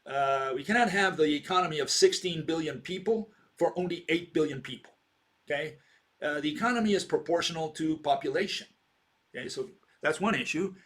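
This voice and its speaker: A bit bright and a little high, this man's voice moves at a brisk clip. He's in his sixties, lecturing informally and wandering from point to point, with rhetorical questions and frequent "okay?" check-ins.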